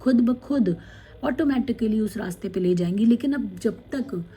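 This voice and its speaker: A woman tarot card reader, gently guiding viewers through a spiritual card reading, with many fillers. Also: on the high side, animated. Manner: slow, gentle guidance with many fillers, reading card messages aloud in English.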